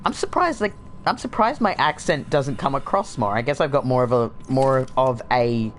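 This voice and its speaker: Expressive and mid-range, this gaming streamer's voice moves at a normal speed over slight background noise. The young Australian keeps a laid-back accent, rambling casually with sardonic humor and frequent fillers as he plays.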